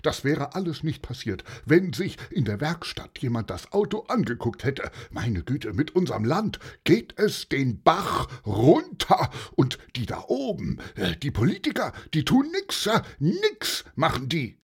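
A man voicing an angry middle-aged man who rants loudly in a children's audio story. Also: fairly high pitch, wildly swooping pitch, measured pace, slightly rough, voice pushed up, heavily acted. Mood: furious. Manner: shouting, indignant rant. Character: furious ranting middle-aged man, grumbling.

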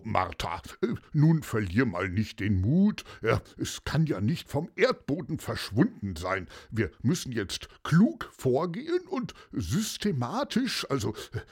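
A man voicing a calm, deliberate retired police detective in a children's story. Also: medium pitch, husky, full character voice. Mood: reassuring. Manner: deliberate, reassuring, with filled pauses.

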